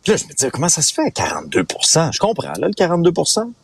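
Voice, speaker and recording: A man with an Abitibi Quebec French accent talks in a husky, breathy voice, his pitch swinging widely as he chats and laughs. He sounds close and dry, calling in from a car parked at a rest stop. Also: sing-song, very fast, dry recording. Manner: chatty, storytelling, laughs often. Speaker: radio columnist. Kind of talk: casual radio chat.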